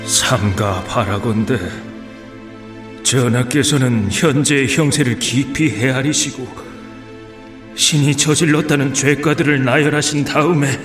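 An actor playing a humble but resolute Joseon chief minister, reading a court petition in slow, measured, deferential archaic speech. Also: male voice, medium pitch, a bit bright. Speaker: voice actor in a historical reenactment. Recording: echoey with faint music underneath.

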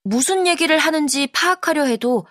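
A woman narrating an audiobook in a calm, measured storytelling manner, close to the mic. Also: high voice, no echo. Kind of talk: scripted narration.

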